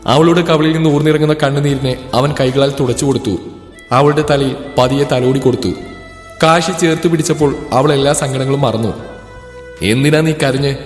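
Brief: male storyteller, fairly high voice, long reverb, music bed. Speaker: narrator. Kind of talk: storybook narration. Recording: echoey room with music.

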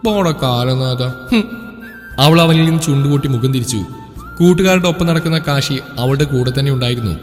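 A man reading a romance story aloud in a steady, descriptive way. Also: medium pitch, fast talker. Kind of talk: scripted narration of a romance story. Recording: echoey room with background music.

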